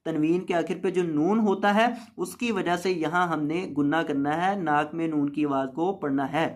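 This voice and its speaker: A man teaching Quran recitation, patiently explaining each sound step by step and chanting the words slowly. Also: a little high. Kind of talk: tajweed lesson with slow recitation.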